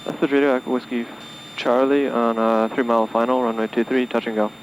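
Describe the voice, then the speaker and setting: A student pilot casually narrates his flight and makes radio calls from a small airplane cockpit, vlog-style. His mid-range voice is a little fast, and the audio is poor. It comes through a cable-fed headset, with the steady drone of the light aircraft's engine in the background.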